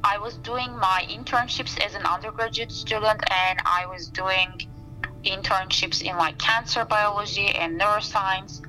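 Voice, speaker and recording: A woman in her thirties from Turkey, speaking English with a Turkish accent, talking thoughtfully about her research and often pausing to find her words. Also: mid-range voice, fairly even intonation, sharp tone, soft background music, rough recording. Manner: thoughtful, searching for words with frequent fillers. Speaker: researcher, interview guest. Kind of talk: casual interview talk. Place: outdoors by a campfire.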